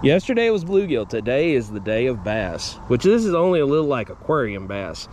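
Speaking briskly at a medium pitch, a young man with a drawl rambles folksily through a laid-back fishing vlog and gets worked up when something bites. A slight hiss or hum is audible. He's outside by a pond at first, then inside at home.

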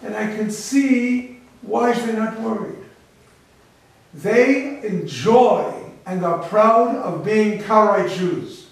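A man's voice: high-pitched, takes it slowly, vocal fry. A man from the United States, a rabbi giving a public lecture with emphatic rhetorical questions. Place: large echoey library hall. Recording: echoey hall from far off.

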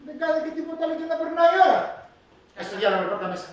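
Man acting as a sarcastic nagging husband, high-pitched, distant, echoey hall, loud noise. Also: lively intonation. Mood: scolding. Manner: reproachful, sarcastic, rising to shouts. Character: bickering husband scolding his wife. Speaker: amateur stage actor. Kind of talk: live amateur stage play. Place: theatre stage. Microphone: distant room mic.

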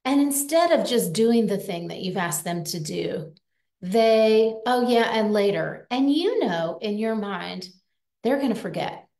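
A woman's voice: mid-range voice, lively intonation, a little slow, gravelly, warm tone. Earnest woman coaching in a roomy space. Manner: earnest, empathetic, conversational, rhetorical questions. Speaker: parenting coach. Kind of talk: live-streamed coaching talk. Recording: roomy echo.

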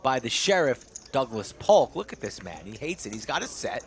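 A man's voice: medium pitch, very animated, moderate pace, slight background noise. A man working as a poker commentator on a live stream, narrating play with dramatic flourishes.

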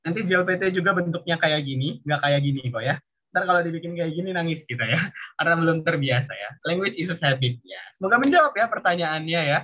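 Man, language tutor, higher voice, husky, patient casual explaining, lo-fi video call audio. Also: lively intonation, quick pace, sharp tone. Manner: explains patiently, tags most sentences with a questioning "ya". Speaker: Japanese language mentor. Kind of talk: casual online class teaching.

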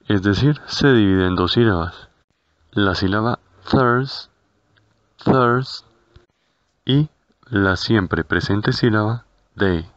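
A man narrating a scripted language lesson, speaking slowly and carefully and repeating each word. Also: lowish voice, no echo. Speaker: language teacher. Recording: dull, lo-fi.

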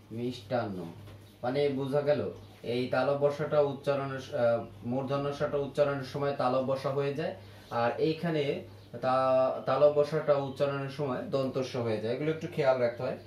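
A male teacher talks through a grammar lesson at a very unhurried pace, saying each example word again and again so students catch the sound. His voice sits at an ordinary pitch. The room rings with echo, and a faint hum of ambient noise runs underneath. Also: a little mellow. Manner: slow, repeats each word over and over to drill pronunciation. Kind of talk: classroom grammar lesson at a whiteboard.

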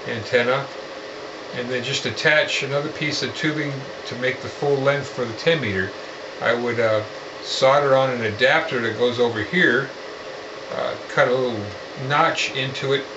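A man calmly talking through a home radio antenna build, halting and full of fillers and restarts. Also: medium pitch, roomy sound. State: out of breath. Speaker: amateur radio hobbyist. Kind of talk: casual filmed project walkthrough. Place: house, moving between rooms. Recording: dull lo-fi with clear noise.

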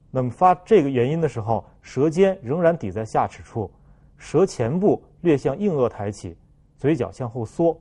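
Male pronunciation teacher, lively pitch, careful explanations with loud modeled sounds. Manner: slow, careful explanations, then loud drawn-out example sounds.

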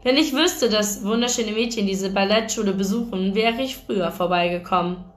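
A woman's voice: medium pitch, moderate pace, roomy sound, natural voice. A woman voicing an affectionate teenage boyfriend in a novel reading, tender and sometimes sulky, in her own voice. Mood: charming.

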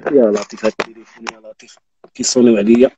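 A Moroccan man in his thirties hosts a live stream over a phone on a live video call, teasing and joking in casual chat with frequent oaths. His medium-pitched voice stays steady but rapid-fire, and the audio is lo-fi and very noisy.

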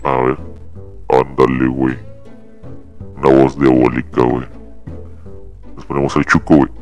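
A Mexican man talking through a deep demonic voice-changer filter, chatting and joking with slang and swearing while gaming. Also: monotone, normal speed, darkish tone, faint music behind. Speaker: gamer. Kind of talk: casual gaming chat with a friend.

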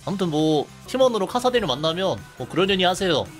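A man's voice: high-pitched, big pitch swings, fast, soft background music. A young man casually commenting while streaming a game, chatty and laughing, reading chat aloud.

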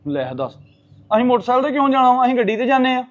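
Young husband played by a man, brisk and rushed, a bit high. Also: very animated, lo-fi sound. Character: busy impatient young husband and son.

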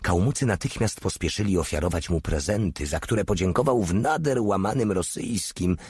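A man narrating an audiobook in a steady, measured reading. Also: low voice, slightly rough, dry recording. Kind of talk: scripted narration.

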